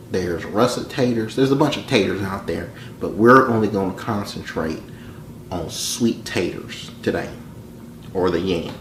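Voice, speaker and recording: A man putting on a Southern drawl to play a folksy country cook giving a joking cooking lesson in a deadpan way. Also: lowish voice. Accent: put-on Southern US drawl. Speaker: home cook. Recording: echoey room with faint noise.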